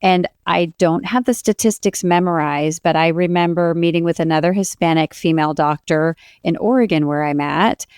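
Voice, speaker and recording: A woman's voice: on the low side, normal speed, hardly any pauses, darkish tone, clear, resonant tone, dry recording, clean studio sound. A woman co-hosting a podcast, speaking in an affirming, encouraging way. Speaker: podcast co-host. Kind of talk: podcast interview.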